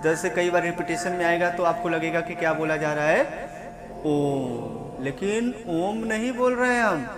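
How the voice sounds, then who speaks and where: Guy teaching about mantra pronunciation, really high voice, keeps asking questions and repeating himself, music playing under it. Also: brisk, few pauses. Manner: explains with rhetorical questions and repetition. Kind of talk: spoken lesson on mantra pronunciation.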